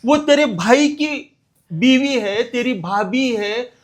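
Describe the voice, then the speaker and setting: Amateur short-film father, a man playing a middle-aged family head, high voice, coaxing turning to scolding. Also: animated, normal speed. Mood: angry. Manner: coaxing then angry scolding. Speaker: father-in-law.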